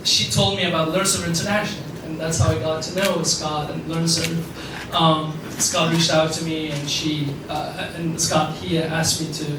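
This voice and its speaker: A man's voice: a little high, flat delivery, a little slow, hardly any pauses. A young man from Afghanistan giving an alumni talk at an event, rambling with many fillers. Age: young adult. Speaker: alumni speaker. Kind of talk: speech at a networking event. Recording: echoey room from far off, background noise.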